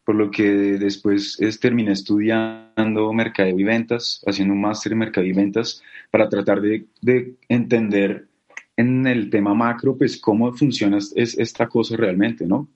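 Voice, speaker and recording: A man's voice: on the low side, little pitch movement, normal speed, darkish tone, dull audio. A man with a Bogotá Colombian accent, speaking as an interview guest in a casual, hesitant way with many fillers. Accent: Bogotá Colombian Spanish. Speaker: guest, company co-founder.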